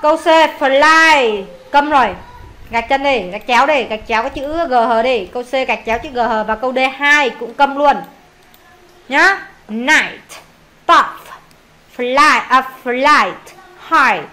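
Bright high-voiced Vietnamese woman teacher. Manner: repeats words slowly for pupils to echo. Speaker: English teacher. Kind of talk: online pronunciation lesson for pupils.

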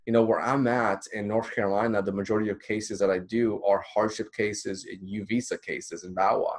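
Low-voiced man teaching counselors. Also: little pitch movement, fairly quick. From Dominican Republic. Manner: conversational, encouraging, with many fillers. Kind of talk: recorded slideshow lecture. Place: small indoor room.

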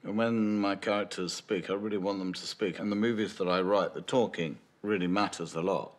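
An older man speaks in a very deep, low register, sitting for a documentary interview in a dim, lamp-lit room. He muses aloud as a screenwriter, circling back, restarting phrases and leaning on "you know" as he thinks. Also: steady tone, brisk. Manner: thoughtful, musing, with frequent restarts and "you know". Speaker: screenwriter interviewed about his film. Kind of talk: reflective interview answers. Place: dim indoor room with lamps behind. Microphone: medium shot, seated, unseen mic.

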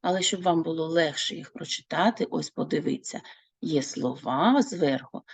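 A woman teaching a French lesson, speaking slowly and clearly and repeating words for her learners. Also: deep voice, no echo. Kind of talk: online language lesson.

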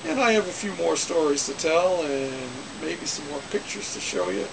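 A man's voice: a little high, lively intonation, normal speed, gravelly. A man in his sixties casually rambling through old car memories to camera, with folksy uh fillers, in a small home den. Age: 60s. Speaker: vlogger telling car stories. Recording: hissy webcam recording.

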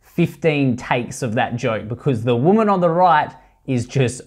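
An Australian woman giving a sarcastic, deadpan commentary voice-over on a video. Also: a bass voice, a little slow. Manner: deadpan, mocking. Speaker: commentary youtuber.

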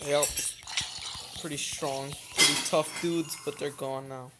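A man casually commentating his own gameplay, excitable and quick to swear as he reacts aloud. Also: on the high side. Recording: noisy home recording.

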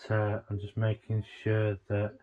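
A man vlogging a casual tech walkthrough, thinking aloud in a halting, rambling way. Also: fairly low pitch, monotone, mellow, highs cut off.

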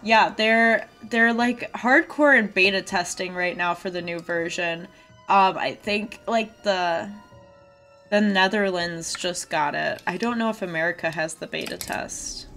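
A woman's voice: on the low side, measured pace, a bit bright. A woman streaming a video game, chatting casually and reacting aloud to viewers while getting over a cold. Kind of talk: live game stream chat, reading dialogue aloud. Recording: game music behind the voice. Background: game music.

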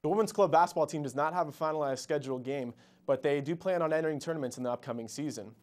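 A male news anchor reads his copy at a quick clip, his voice sitting a touch higher than most men's. His delivery is brisk and businesslike, moving from one story straight into the next. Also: darkish tone. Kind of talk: read news broadcast.

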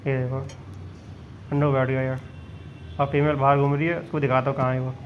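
A man's voice: mid-range voice, level tone, fairly quick, dull audio, a little hiss or hum. A man vlogging from his rooftop pigeon loft, chatting to viewers as he points out his birds, filmed on a handheld phone. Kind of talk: casual filmed walkthrough.

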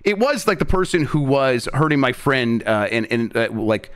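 A man chats casually as a podcast host, his pitch swinging freely. He restarts and repeats himself as he rambles through a personal story, close on a desk mic. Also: very animated, smooth. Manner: halting, self-correcting, repeats words. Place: indoor room on a video call. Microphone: close desk microphone.

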